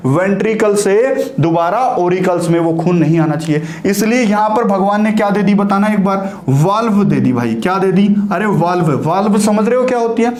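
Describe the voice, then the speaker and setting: A man's voice: sits high, moderate pace, hardly any pauses, darkish tone. A man teaching a lesson who keeps asking questions and answering them himself, with a Haryanvi Hindi accent. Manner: asks and answers his own questions. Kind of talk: classroom lecture. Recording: echoey room.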